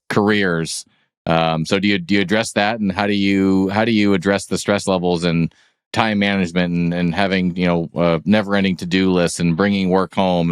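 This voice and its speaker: A man's voice: low-pitched, smooth, no room sound, clean studio sound. A man hosting a podcast, interviewing a guest with friendly affirmations and long, rambling questions. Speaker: podcast host.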